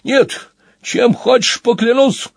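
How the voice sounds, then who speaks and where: A shifty storybook otter with a quick temper, his voice pushed high and shrill, put on by a man reading aloud. He talks excitably and crudely. The sound is dry and close. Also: husky, no room sound, heavily acted. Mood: panicked. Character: shifty male otter rogue, hot-tempered.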